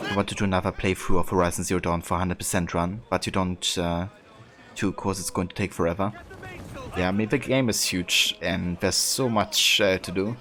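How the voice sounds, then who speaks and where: A man's voice: low-pitched, fairly even intonation, moderate pace. A man livestreaming a video game, chatting casually with viewers in a hesitant, thoughtful way. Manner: hesitant, thoughtful, reads and answers chat. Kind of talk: casual chat with viewers while playing. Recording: clear background game noise. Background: game ambience.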